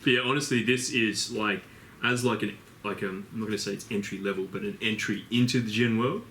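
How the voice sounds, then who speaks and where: A young man with a slight lisp chats in an easygoing way as podcast co-host. His voice is fairly low but bright and edgy. The room rings with echo and a faint background hiss. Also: fairly even intonation, fairly quick. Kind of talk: casual chat. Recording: echoey room with faint noise.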